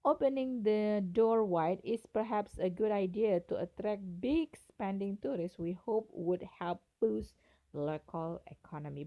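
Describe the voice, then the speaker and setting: Mellow-voiced Indonesian-accented woman reading aloud. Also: medium pitch, rough recording. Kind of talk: reading a written personal essay aloud.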